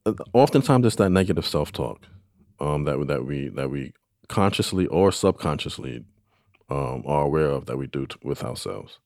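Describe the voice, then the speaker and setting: A man giving conversational coaching advice in an encouraging, emphatic way, repeating phrases and pausing for weight. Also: extremely low pitch, expressive, gravelly, a little mellow, no room sound, studio quality. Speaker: expert guest answering listener questions.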